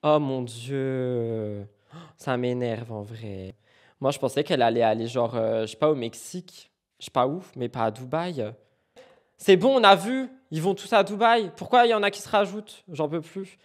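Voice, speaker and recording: A woman hosting a live stream, commenting with animated, mocking and exaggerated reactions. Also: low-pitched, brisk. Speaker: streamer host.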